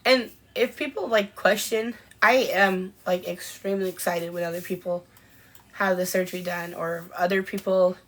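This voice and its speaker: A woman co-hosts a podcast in a relaxed live-stream chat. She answers viewer comments one after another in a chatty way, with frequent ums and pauses between thoughts. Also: fairly low pitch. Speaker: podcast co-host.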